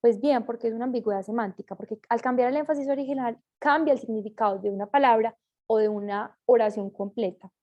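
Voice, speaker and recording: A woman's voice: on the high side, fast, lo-fi sound. A woman reading a class presentation aloud, with small slips and self-corrections as she goes.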